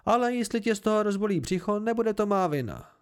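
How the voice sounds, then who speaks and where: A man's voice: high voice, animated, clear, resonant tone, pitched above the performer's own voice. A man playing a curt old woman cook. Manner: curt, brisk.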